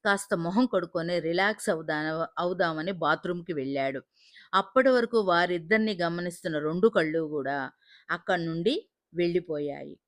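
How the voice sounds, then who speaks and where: A woman's voice: on the low side, moderate pace, dry recording, studio quality. A woman narrating an emotional family audio story in the first person, with a dramatic delivery.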